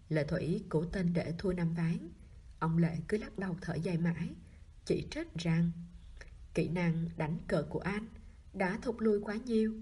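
A woman narrates a novel in a very breathy, hushed voice, and at times she sinks almost to a whisper. Her tone is dark and mellow, and her pitch sits in the middle. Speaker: audiobook narrator.

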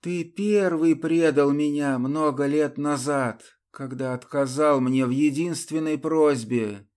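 A fierce, defiant young woman, as a male reader puts her on in an audiobook. The voice is pitched well above his own and pushed loud and strained, desperate and unyielding. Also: takes it slowly. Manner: raised, strained, defiant outbursts. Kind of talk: audiobook character voice.

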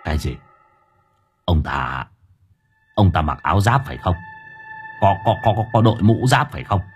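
A man voicing a fretful old village sorcerer, a gruff father, in a low, muttering voice. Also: animated, moderate pace, highs cut off, soft background music. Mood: alarmed.

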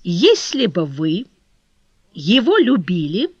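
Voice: mid-range voice, big pitch swings, normal speed, a bit bright, no room sound. A sly, scheming baronet, as an audiobook reader puts him on, dry and laconic, dropping his voice and drawing out his words. His tone stays impassive and mocking. The recording is dry and a little dull. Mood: calculating. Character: cold sly scheming male English baronet. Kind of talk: audiobook character reading.

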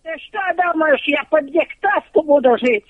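An older woman arguing on a phone call in a gruff, hostile, foul-mouthed way. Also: high-pitched, moderate pace, dry recording. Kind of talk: prank phone call, casual argument. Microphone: telephone. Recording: dull lo-fi telephone line.

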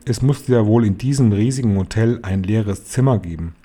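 Mellow-voiced man reading a story aloud. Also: fairly low pitch, normal speed. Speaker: reader. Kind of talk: audiobook narration.

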